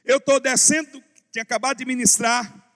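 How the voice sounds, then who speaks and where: A male pastor with a high voice gives a lively story-filled sermon, acting out the dialogue as he goes. His voice rings through a large church hall with a long reverb. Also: a little fast. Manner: animated, acts out dialogue.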